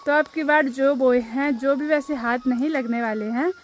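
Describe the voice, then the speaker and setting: A woman's voice: high voice, normal speed, a little hiss or hum. A young woman, vlogging casually outdoors in a hillside farm field and chatting to her viewers as friends. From Uttarakhand hills, India. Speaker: village lifestyle vlogger. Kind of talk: casual explanatory vlog chat.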